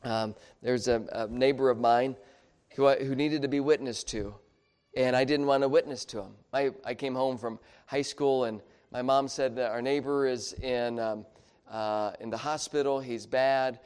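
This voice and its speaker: A middle-aged man preaching a sermon in a conversational, storytelling way, with halting restarts and a voice that drops quiet when he turns confessional. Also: medium pitch, fairly even intonation, smooth. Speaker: pastor.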